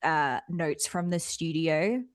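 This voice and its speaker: A woman's voice: deep voice, slow, no echo, studio quality. An Australian woman co-hosting a podcast, chatting casually about a film and laughing often. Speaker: podcast co-host.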